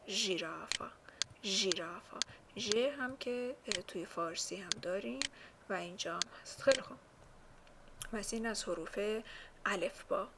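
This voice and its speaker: A woman teaching a language lesson slowly, saying each word twice for learners to copy. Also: medium pitch, heavy background noise. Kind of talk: spoken lesson.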